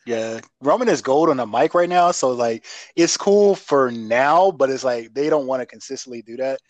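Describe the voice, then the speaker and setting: A man co-hosting a podcast, talking in a relaxed, rambling way. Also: medium pitch, normal speed, dry recording. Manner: relaxed, rambling, lots of fillers like "um" and "like". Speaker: podcast co-host. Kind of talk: casual wrestling chat.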